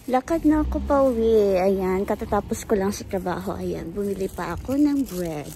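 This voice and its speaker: A Filipino woman walking outdoors after work, chatting casually and slowly to her phone camera through a face mask, laughing at herself. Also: mid-range voice, lively intonation, mellow, a little hiss or hum, low-quality recording. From Philippines. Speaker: vlogger.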